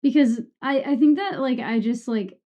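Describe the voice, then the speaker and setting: This streamer is a woman whose high-pitched voice moves at normal speed as she chats casually with viewers, sweary and self-deprecating. Her S sounds are harsh and sibilant, and although she uses a streaming microphone with EQ and a compressor, the audio comes out muffled and dull.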